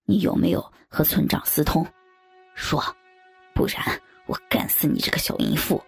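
A woman voicing a soft-spoken young village husband in a low, breathy, murmured voice. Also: huge pitch swings, moderate pace, faint music behind, full character voice. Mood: taunting.

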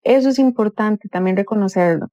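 Calm woman giving advice. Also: medium pitch, brisk, no echo. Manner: calm explanatory, acts out quoted family dialogue. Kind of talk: advice talk on a radio or web show. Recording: dull dry studio sound.

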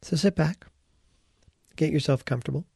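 A slightly high-pitched man teaches meditation in a dark, easygoing voice carrying heavy gravelly fry. Pausing between short, deliberate phrases, he's captured dry, with no room sound at all.

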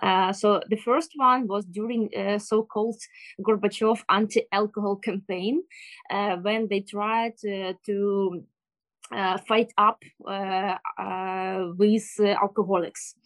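Ukrainian woman explaining stuff in careful english, kinda halting, hunting for words, pretty dry close sound. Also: mid-range voice, fairly even intonation, fairly bright tone, dry recording. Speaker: interview guest. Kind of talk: explanatory interview talk.

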